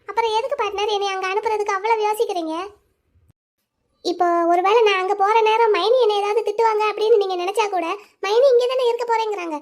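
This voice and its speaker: A voice actor playing a gentle young wife in a cartoon story, coaxing and questioning her husband. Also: very high-pitched.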